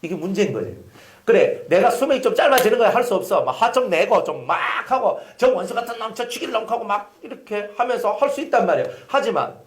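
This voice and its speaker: A man's voice: high-pitched, quick pace, slight background noise. A male pastor preaching a sermon, telling stories and acting out scenes. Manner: animated storytelling, acting out scenes with voices. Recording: echoey hall.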